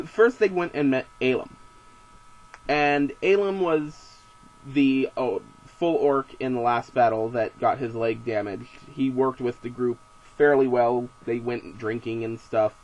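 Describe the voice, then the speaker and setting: A young man recapping his tabletop game as game master in a casual, rambling and amused way, with many fillers and self-corrections. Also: medium pitch. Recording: dull lo-fi home recording.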